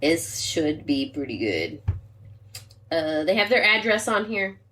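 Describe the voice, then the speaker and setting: A woman's voice: sits low, big pitch swings, a little slow, sharp tone, slight background noise. A woman co-hosting a podcast in casual, rambling chat, reading a wine label aloud. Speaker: podcast co-host.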